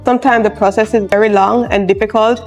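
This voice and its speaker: A woman, a charge nurse speaking in a personal interview in a soft-spoken, reflective, encouraging way. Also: mid-range voice, fairly even intonation, fast talker. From Jamaica. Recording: soft music underneath.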